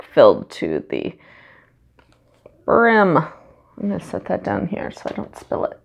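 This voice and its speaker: Painting in her indoor home studio, this acrylic pour artist talks in a chatty, rambling way, filling gaps with plenty of ums. She has a cold and a stuffy nose, and her voice sits on the low side, creaky and a little mellow.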